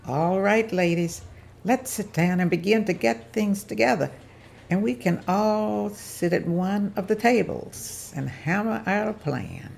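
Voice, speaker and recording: At a table read, a woman plays an encouraging businesswoman and leader who rallies other women to organize, speaking persuasively. Her voice is mid-range and darkish with vocal fry, at a measured pace.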